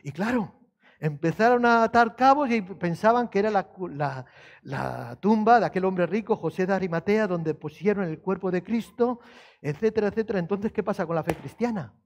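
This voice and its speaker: A man preaching a sermon in a conversational way, asking the congregation questions and quoting scripture, moving between quiet storytelling and raised, emphatic passages. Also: sits high, expressive, normal speed. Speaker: pastor.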